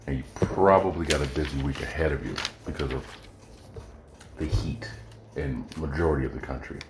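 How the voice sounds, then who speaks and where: A man with a rumbling low voice hosts his own podcast, chatting casually and jokingly straight to his listeners at normal speed in a solo show. The room is echoey, with faint music and a noisy background.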